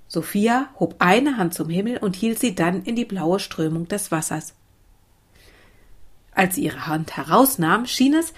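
A woman reading a children's storybook aloud in a calm, even way. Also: mid-range voice. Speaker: narrator.

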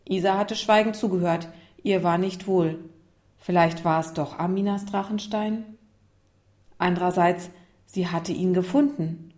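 A woman reads a children's story aloud, calm and expressive. Her voice sits a little low, with steady, gentle storytelling. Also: a little slow. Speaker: narrator.

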